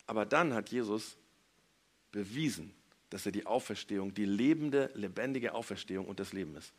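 Lively man telling Bible stories to kids. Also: on the low side, moderate pace, husky. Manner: lively, acts out quotes with big swings in loudness. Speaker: children's church leader.

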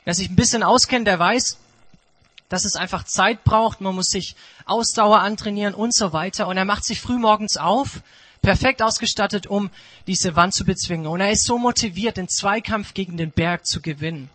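A man preaching a sermon, telling a story emphatically and dramatically, with pauses for effect. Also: sits high, a bit bright, no echo, low-quality recording.

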